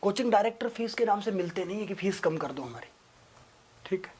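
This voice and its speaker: A young male teacher speaks straight to his students in a motivational talk. His voice swings widely, dropping almost to a murmur and then climbing high and loud in heartfelt pleading. The delivery is raw and earnest, without polish. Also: lively intonation, fairly quick, husky. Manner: impassioned, rising to loud emotional pleading.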